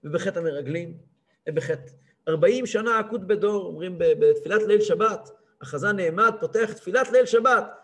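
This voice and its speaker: A man in his thirties, a rabbi giving a lively weekly lesson, who acts out a cantor's chanting and scolds him. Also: high voice. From Israel. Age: 30s. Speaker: rabbi teaching a weekly class.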